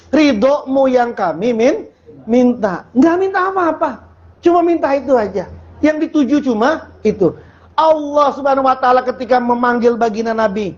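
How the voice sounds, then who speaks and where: A man's voice: very high voice, dull audio. A man preaching an informal Sufi sermon in a colloquial, joking way, often putting questions to the audience. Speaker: Islamic preacher.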